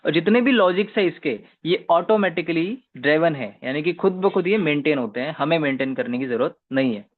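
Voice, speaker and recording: A man's voice: fairly high pitch, animated, brisk. A man presenting an investment plan, walking viewers through slides and often calling them "guys" or checking in with "okay". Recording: tinny phone-like audio.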